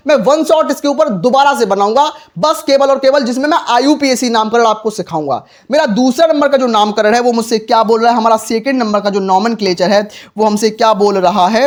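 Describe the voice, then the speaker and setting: Brief: high-pitched male teacher, talks himself through problems with questions and repeats each step. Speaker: chemistry teacher. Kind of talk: lesson.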